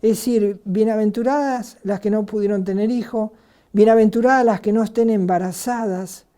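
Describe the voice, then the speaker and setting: An Argentine woman preaching a sermon in an earnest way, asking rhetorical questions and pausing on filler words. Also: mid-range voice, steady tone, warm tone. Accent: Argentine Spanish.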